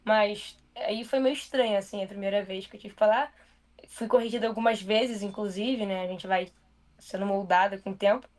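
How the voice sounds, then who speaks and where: Speaking as a guest in a relaxed interview, this young woman is a journalist with a Brazilian Portuguese accent. Her delivery is quick and informal, sprinkled with many fillers, and her medium-pitched voice keeps a fairly level intonation.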